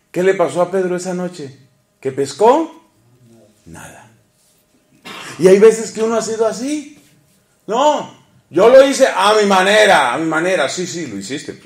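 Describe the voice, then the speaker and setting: A man preaching a sermon, animated, asking the congregation questions and swinging between loud and hushed delivery. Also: high-pitched, roomy sound. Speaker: priest preaching.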